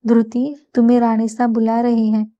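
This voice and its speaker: A woman's voice: fairly high pitch, monotone, fairly quick, warm tone, highs cut off, lightly acted. A woman reading a jealous, falsely sweet rival. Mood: falsely polite. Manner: forced politeness.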